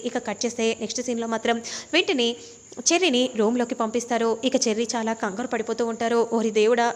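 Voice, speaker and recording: A woman narrating a recap of a TV serial episode in a steady storytelling manner. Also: fairly high pitch. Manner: steady storytelling, reads all the lines herself.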